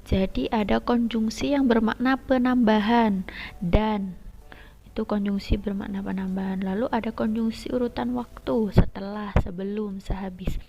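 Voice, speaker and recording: A woman teacher explaining a lesson step by step and addressing her students directly, her voice often trailing into a soft whisper. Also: mid-range voice, steady tone, normal speed, vocal fry. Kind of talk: recorded classroom lesson. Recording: lo-fi dull recording.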